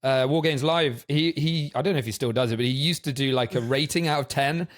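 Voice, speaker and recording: A man's voice: mid-range voice, a little fast. Laid-back man chatting on a podcast. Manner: relaxed, hesitant with fillers, laid-back humour. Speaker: podcast co-host. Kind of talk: casual podcast chat.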